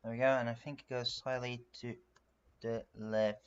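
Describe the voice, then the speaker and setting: A Frenchman and native French speaker chats casually on a livestream while working on a drawing, narrating his steps and rambling with plenty of fillers. His medium-pitched voice stays fairly flat at a moderate pace, with a clean tone but the high frequencies cut off.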